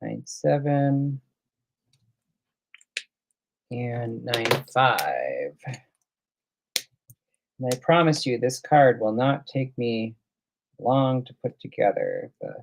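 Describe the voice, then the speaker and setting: A man's voice: medium pitch, very animated, very slow, vocal fry, long pauses. A man hosting a casual live coloring demo, chatting and thinking aloud as he works. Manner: chatty, thinks aloud while working, reads out viewer comments. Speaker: livestream host.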